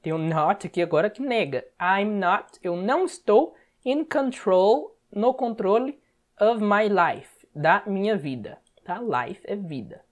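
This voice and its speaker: A woman's voice: mid-range voice, expressive. Give me a woman with a Brazilian Portuguese accent who sounds like a teacher. She gives a step-by-step lesson in a mid-range voice and walks the listener through each word. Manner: explains word by word, often checks with a quick "tá?". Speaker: English teacher.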